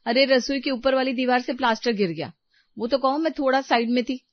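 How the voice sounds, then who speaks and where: A woman's voice: high-pitched, fairly quick, no room sound, pitched above the performer's own voice, close to an everyday voice. A woman voicing a put-upon young daughter-in-law who complains and pleads in a storybook drama. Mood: complaining. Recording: dull lo-fi recording.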